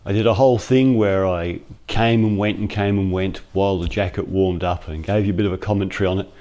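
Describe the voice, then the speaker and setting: This man's low, dark-toned voice keeps fairly even intonation and a fairly quick pace. He's a vlogger reviewing a product casually in his cold workshop, talking through his thoughts on a clip-on lapel mic.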